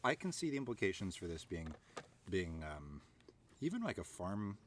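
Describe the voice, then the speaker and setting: A man with a fairly low voice hosts a live stream in easy, joking chat. He rambles a little, with lots of "uh" and "um" as he talks. There is faint noise behind him. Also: sing-song, moderate pace. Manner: chatty, joking, loose with filler words. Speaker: host of a live stream show. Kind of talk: casual chat.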